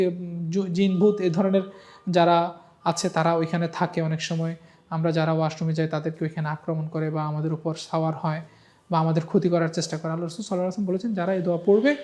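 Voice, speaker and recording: A man's voice: high voice, a little mellow. A middle-aged man teaching an online Quran reading lesson, patiently spelling out letters one by one and coaxing students to repeat after him.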